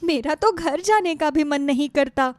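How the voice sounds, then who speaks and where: A woman's voice: sits high, measured pace, no echo, clean studio sound. A woman voicing a distraught young bride in a storybook tale, speaking in a tearful, pleading manner.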